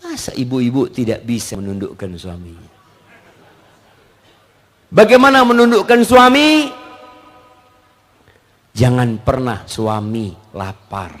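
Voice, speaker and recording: A male Indonesian preacher giving an animated sermon with questions and answers, acting out wives and husbands and dropping in Arabic phrases. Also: mid-range voice, takes it slowly, pauses often. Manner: animated, acts out wives and husbands in quoted voices; mixes Arabic phrases into his talk.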